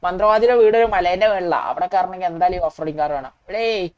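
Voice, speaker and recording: A woman's voice: fairly low pitch, fast talker, a little mellow, lightly acted. A woman voicing Franklin, a jumpy young man in a game video, repeating short phrases as she plays. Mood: chatty. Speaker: game video narrator voicing the player character. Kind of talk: casual game role-play commentary.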